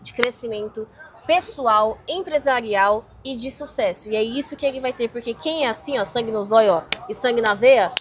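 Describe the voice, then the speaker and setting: High-voiced woman hosting, emphatic. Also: noisy background. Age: 40s. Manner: emotional, emphatic, quick exclamations. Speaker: podcast host. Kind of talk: conversational interview.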